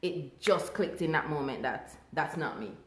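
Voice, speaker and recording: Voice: mid-range voice, moderate pace. A Jamaican singer talking candidly and casually as an interview guest. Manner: relaxed, candid, lively. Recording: echoey room.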